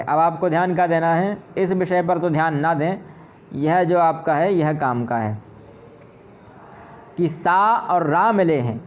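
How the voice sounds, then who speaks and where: Man slowly spelling out Sanskrit sounds. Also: on the high side, dull audio. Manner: patient, repeats words slowly to correct them; asks and answers his own questions. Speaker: Sanskrit teacher. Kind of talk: pronunciation lesson.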